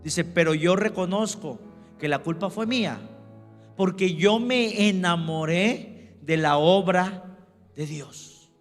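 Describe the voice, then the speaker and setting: A man's voice: sits high, slow, big-room sound, soft background music. A man preaching a sermon as pastor, emphatic, who keeps calling out to his congregation. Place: church.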